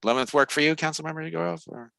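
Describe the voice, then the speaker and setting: Guy running a council meeting, bright forceful voice, kinda halting, pretty dry sound. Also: on the high side, gravelly, no echo. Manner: halting, hesitant phrasing. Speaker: meeting chair. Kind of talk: informal business meeting talk. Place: online video meeting.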